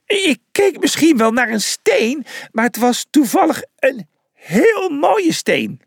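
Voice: high voice, very animated, takes it slowly, vocal fry, dry recording, studio quality, pitched above the performer's own voice, full character voice. A storyteller voicing a dreamy, clumsy male antelope who stammers and makes sheepish excuses.

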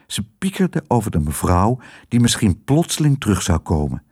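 Man reading a kids' storybook out loud, voice swings all over, really lively. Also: lowish voice, normal speed, breathy edge. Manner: expressive storytelling. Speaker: narrator. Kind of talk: children's audiobook reading.

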